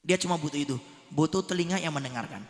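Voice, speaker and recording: A male preacher giving a sermon to husbands, swinging from soft counsel to loud emphatic bursts. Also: on the high side, fast talker. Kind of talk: village sermon to married men. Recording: echoey hall with long reverb.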